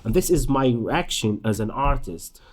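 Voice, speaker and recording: A young Palestinian man with an Arabic accent, an actor speaking thoughtfully in an interview, with some halting restarts. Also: medium pitch, lively intonation. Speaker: actor and performer. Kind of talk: interview conversation.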